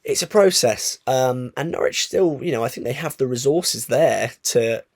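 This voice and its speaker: A man's voice: medium pitch, normal speed. A man hosting a football fan podcast, giving frustrated, opinionated commentary with frequent ums and restarts. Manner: frustrated, animated ranting with filler ums.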